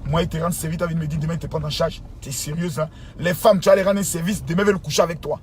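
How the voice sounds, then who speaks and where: A man with a high-pitched voice preaches a fiery, scolding rant at his followers. He hammers the same phrases again and again, dropping to a mutter and then bursting into shouts. Faint traffic hums behind him. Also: steady tone, racing. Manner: scolding, repetitive, swings from low mutter to shouting. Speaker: pastor.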